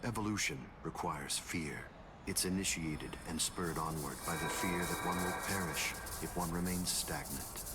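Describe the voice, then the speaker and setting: A man's voice: sits low, heavy background noise, natural voice. Aizen, a man voicing a cold arrogant mastermind. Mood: triumphant. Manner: cool, measured, condescending. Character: calm, arrogant male mastermind captain. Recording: game audio with loud music. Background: loud music.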